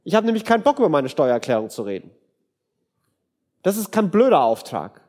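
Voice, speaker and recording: A man's voice: a little high, big pitch swings, brisk, darkish tone. A man preaching a conversational sermon, earnest and direct, speaking straight to his listeners. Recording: long hall reverb.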